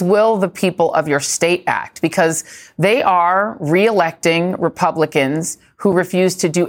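A woman anchoring a live news program with a somewhat low voice. She asks pointed, probing questions and presses guests for answers. Her delivery is direct and purposeful. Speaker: TV news host.

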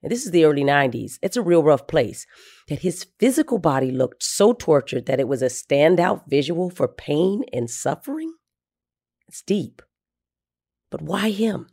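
A man telling the story of his late father in a measured, soft-spoken, reflective narration. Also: a little high, very animated, gravelly.

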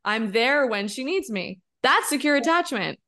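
A woman in her thirties co-hosting a podcast, talking in an emphatic, expressive, candid way and often tossing in a rhetorical "right?". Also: fairly high pitch, normal speed. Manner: candid, occasionally swearing. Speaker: podcast co-host. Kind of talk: casual podcast conversation.

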